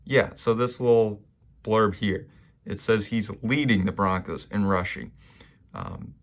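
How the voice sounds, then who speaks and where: A young man casually talking through his sports card pickups, relaxed and rambling with plenty of fillers. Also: on the low side, unhurried, vocal fry. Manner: relaxed and rambling, many ums and likes. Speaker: sports card collector vlogger. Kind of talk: casual monologue showing cards.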